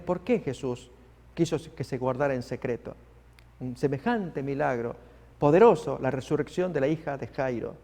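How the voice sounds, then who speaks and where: A man preaching a sermon, dramatic and expressive, acting out the people in the story he tells. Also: a little high, gravelly. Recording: long hall reverb.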